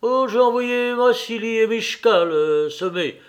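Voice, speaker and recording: A man's voice: very high voice, expressive, unhurried, lo-fi sound, pitched above the performer's own voice. A man reading an audiobook voices a male estate steward who drawls excuses and starts his lines with "ben" and "oh". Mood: whining. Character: fretful peasant estate steward, male, evasive.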